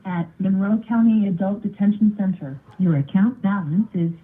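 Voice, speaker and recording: A woman's recorded voice gives an automated jail phone announcement in a flat, measured way, heard on a prison phone line. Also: medium pitch. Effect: recorded prompt on a prison phone line.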